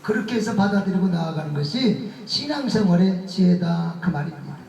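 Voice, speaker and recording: A man's voice: high voice, fairly quick. A male pastor preaching a revival sermon, telling stories with humor and laughter. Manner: humorous, animated storytelling with laughter. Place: church sanctuary. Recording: echoey church hall, voice from far off.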